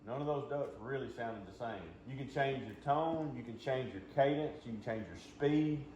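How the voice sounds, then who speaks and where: A folksy man teaches duck calling in a casual, hands-on style. His pitch sits in the middle, and he speaks plainly. The sound is muffled and roomy, with some background noise. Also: normal speed, darkish tone.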